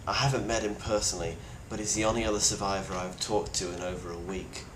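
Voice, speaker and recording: In a found-footage video diary, a man plays a grim, weary plague survivor, delivering a halting in-character monologue gravely and bluntly. His voice is lowish and steady, the acting light, the mood earnest and advising. The recording has a roomy echo with clear background noise.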